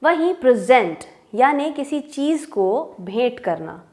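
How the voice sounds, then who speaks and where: A woman teaching English pronunciation, speaking clearly and deliberately, and slowing down when she reads out English example sentences. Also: high-pitched, very animated, darkish tone. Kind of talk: explaining pronunciation in a lesson.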